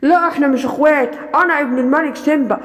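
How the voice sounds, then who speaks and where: A bossy little lion cub prince with an Egyptian accent, as a woman acts him out, with a scornful, dismissive manner. The voice sits high even though it is pushed lower. A long hall echo trails behind him, as in a cartoon. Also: very fast, lightly acted. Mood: haughty. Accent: Egyptian Arabic.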